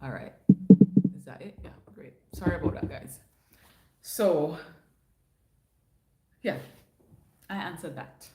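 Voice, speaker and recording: A crowd can be heard behind this woman, whose low voice moves slowly and pauses often. She has a Jamaican accent and is hosting a casual livestream, answering viewers' questions with bits of patois, in a recording with roomy echo.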